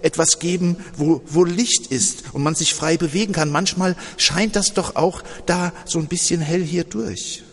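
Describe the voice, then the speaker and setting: A man voicing an unborn girl in a sermon story, gentle and wondering. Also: fairly high pitch, measured pace, hardly any pauses, in a large hall, pitched above the performer's own voice. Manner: hesitant, wondering.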